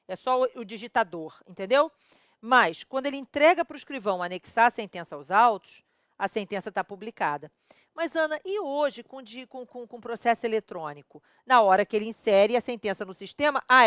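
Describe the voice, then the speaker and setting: A woman's voice: a little high, fairly bright tone, no echo, clean studio sound. Emphatic Brazilian woman law teacher. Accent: Brazilian Portuguese. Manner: emphatic, checks in constantly with the viewer; counts dates aloud, pauses to correct herself. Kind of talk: whiteboard lecture on criminal law.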